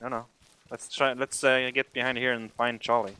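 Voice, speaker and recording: A man in casual team chatter while playing a military shooter, excitable and prone to swearing. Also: mid-range voice, moderate pace, clear, resonant tone, rough recording. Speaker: video game player. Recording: gunfire and clicks behind voice. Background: game gunfire.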